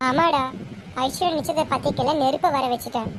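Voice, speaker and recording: A woman's voice: sits high, fast talker, gravelly, a little hiss or hum, rough recording. [name], a woman playing a gloating, scheming mother-in-law. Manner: gloating, threatening. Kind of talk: amateur serial drama.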